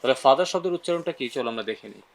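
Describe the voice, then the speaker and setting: A man's voice: mid-range voice, animated, very fast, a little hiss or hum. A man teaching English pronunciation in a mixed Bengali and English lesson, often checking in with "right?" and leading repeat-after-me drills. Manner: asks frequent "right?" check-ins.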